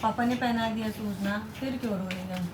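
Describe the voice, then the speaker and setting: A woman's voice: mid-range voice, fairly even intonation, a little fast, noisy background. A woman chatting in a casual home vlog, coaxing her toddler in a sing-song way and explaining daily routines to viewers. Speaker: vlogger, mother. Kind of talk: casual family vlog chat. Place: home, indoors.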